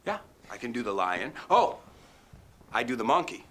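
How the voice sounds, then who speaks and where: A man's voice: medium pitch, sing-song, unhurried, bright, forceful tone, exaggerated voice. An actor playing a goofy man in a TV comedy sketch, clowning around playfully. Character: goofy man who does animal exercises.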